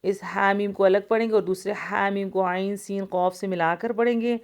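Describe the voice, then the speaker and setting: A woman teaches the rules of Quran recitation in a smooth, clear voice. She explains each letter patiently, step by step, and draws out the recited sounds at length. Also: mid-range voice, fairly even intonation. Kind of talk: tajweed lesson, explaining and reciting.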